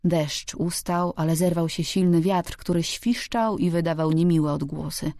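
A woman reading a novel aloud as an audiobook narrator, calm and even. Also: lowish voice, unhurried, no echo, studio quality. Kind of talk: scripted narration.

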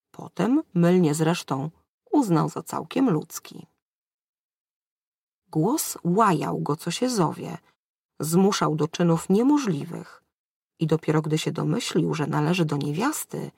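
Low, gravelly woman narrating a tale. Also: darkish tone, no room sound, studio quality. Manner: measured, storytelling. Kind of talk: audiobook fairy-tale narration.

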